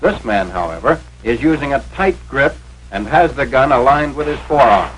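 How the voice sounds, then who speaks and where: In the style of a 1940s military training film, an American man narrates in a fairly bright, mid-pitched voice, animated and at a normal pace. His clipped, formal phrasing sounds authoritative and instructional. Poor audio leaves a light layer of noise on the vintage soundtrack.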